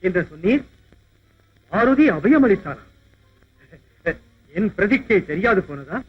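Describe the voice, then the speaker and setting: A man's voice: sits high, big pitch swings, measured pace, husky, full character voice. An actor playing a proud divine king who speaks in a stately, commanding way. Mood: stern. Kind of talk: dubbed mythological film acting. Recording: dull lo-fi old film soundtrack with music.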